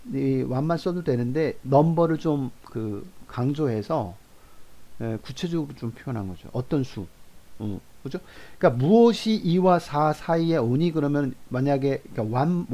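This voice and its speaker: Slow mellow man teaching English. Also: mid-range voice. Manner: slow, repetitive drilling of example sentences. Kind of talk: classroom lecture.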